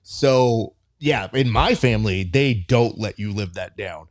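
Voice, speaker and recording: A man's voice: lowish voice, measured pace. A man hosting an interview, asking questions in a chatty, joking way. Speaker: podcast host, interviewer. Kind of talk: conversational interview.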